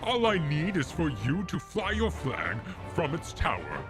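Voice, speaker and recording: A man's voice: on the high side, huge pitch swings, unhurried, over music, heavily acted. A man reading a bold male military leader's lines aloud through a voice changer, in a commanding, theatrical manner. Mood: scheming. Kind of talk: reading game dialogue aloud with friend.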